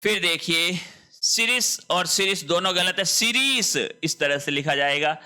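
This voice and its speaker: A man's voice: sits high, a little slow, bright, forceful tone, smooth. A male Hindi teacher giving an online spelling lesson, repeating each word and asking and answering his own questions.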